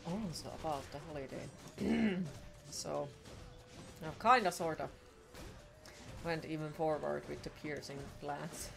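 Sweary Finnish woman streamer, low voice. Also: takes it slowly, vocal fry, pauses often. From Finland. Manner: chatty, sarcastic, swears a lot. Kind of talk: casual gaming stream chat. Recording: game music playing behind.

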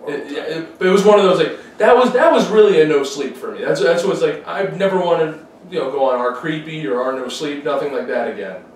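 A man's voice: a little high, animated, fairly quick, few pauses. A young man co-hosting a podcast, rambling with many restarts in casual chat at a dining table. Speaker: podcast co-host. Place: dining room at night, around a table. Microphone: far camera. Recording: roomy, distant, faint hiss.

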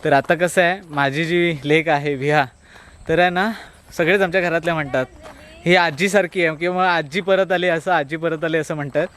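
A man's voice: a little high, moderate pace. A man in his thirties from Konkan, chatting casually as he vlogs a village visit with his little daughter. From Konkan, Maharashtra. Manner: chatty, talks to his small daughter in a lively sing-song. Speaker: vlogger. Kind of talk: casual walking vlog.

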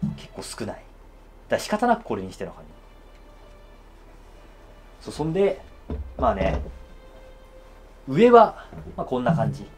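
A man's voice: moderate pace, long pauses, slightly rough, soft background music. A man in a casual show-and-tell review of his own bespoke suit, chatting and laughing often. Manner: chatty, laughs often, lively swings in pitch.

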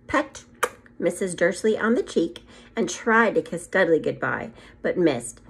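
Reading to her second graders from a small room at home, a middle-aged woman brings a children's story to life, performing it expressively and adding brief asides. Her voice is mid-range and slightly rough, picked up by a phone or tablet set at arm's length.

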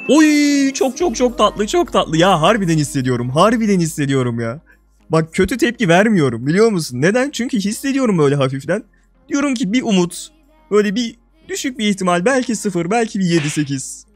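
Excitable young man narrating gameplay. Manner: excitable, swinging between loud outbursts and low mutters; slangy, buddy-style address to viewers. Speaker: gaming video creator. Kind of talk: casual gameplay commentary.

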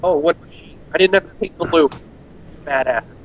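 A man's voice: fairly high pitch, moderate pace, dull audio. A young man in a casual gaming chat over a voice call, yelping whenever he crashes. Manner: yelps at his own crashes.

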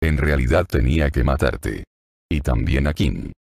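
A man's voice: very deep voice, lively intonation, measured pace, vocal fry, a little mellow, no echo, heavily acted. A man voicing a hardened, sardonic Russian woman agent in an audiobook, with a dry, cool, mocking manner.

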